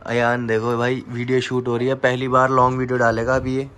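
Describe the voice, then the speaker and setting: A man's voice: medium pitch, completely flat delivery, fairly quick, fairly bright tone. A young man filming a casual home vlog, chatting to the camera and cooing baby talk to his pet parrots. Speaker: vlogger.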